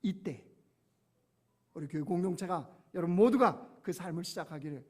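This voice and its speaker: A male pastor preaching a sermon, dropping to hushed low phrases and rising to loud, urgent appeals with rhetorical questions to the congregation. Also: expressive, normal speed.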